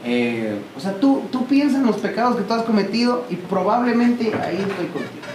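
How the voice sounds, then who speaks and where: A man's voice: high-pitched, a little fast. Emphatic man preaching in an echoey hall. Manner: emphatic, animated, addresses listeners directly. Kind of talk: church talk. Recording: echoey church room with noise.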